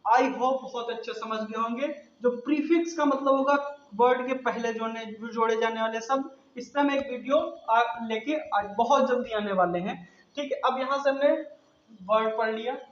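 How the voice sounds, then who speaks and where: A man with a Hindi accent leads a grammar lesson in a very high voice, stopping over and over to ask his class questions. The room throws his voice back, and the sound is dull and lo-fi. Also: moderate pace, reverberant. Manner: explains step by step with repeated rhetorical questions. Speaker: English grammar teacher.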